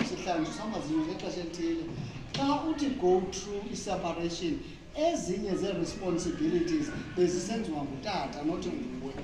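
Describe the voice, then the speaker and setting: Echoey, distant woman with a Xhosa accent. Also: on the low side. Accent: Xhosa South African. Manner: explanatory, punctuated by check-in questions. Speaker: speaker leading a talk. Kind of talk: informal teaching talk, code-switching with English. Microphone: distant from the speaker. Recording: very echoey room, distant mic, noisy.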